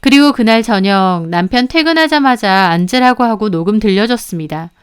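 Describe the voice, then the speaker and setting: A woman's voice: medium pitch, animated, moderate pace, smooth. Heated Korean woman story narrator. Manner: heated, emphatic. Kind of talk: story narration, first person.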